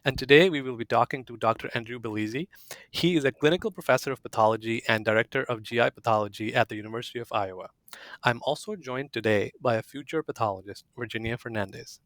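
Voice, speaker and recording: A man's voice: medium pitch, fast, fairly bright tone, no echo. A man hosting a podcast, formally introducing his guest and asking questions. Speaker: podcast host, pathology fellow. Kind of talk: scripted host introduction.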